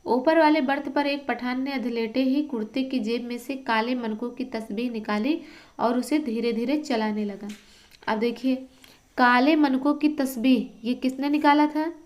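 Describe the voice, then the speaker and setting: A woman's voice: sits high, a little slow, darkish tone. A woman teaching Hindi literature who reads a story aloud and stops to explain it for exam students. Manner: reads a passage, then stops to quiz and explain.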